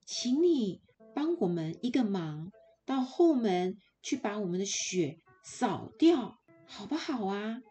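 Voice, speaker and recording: Kindly forest dwarves for a kids' story, gentle and a bit halting, voiced by a woman narrator. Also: mid-range voice, very animated, soft background music. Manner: gentle, coaxing, a little stammering.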